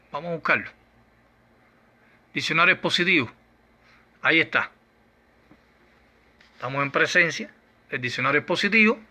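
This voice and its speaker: A man giving a doctrinal Bible lesson, arguing point by point through numbered rhetorical questions in a slow, emphatic delivery. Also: fairly high pitch, pushed and bright. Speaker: Bible teacher.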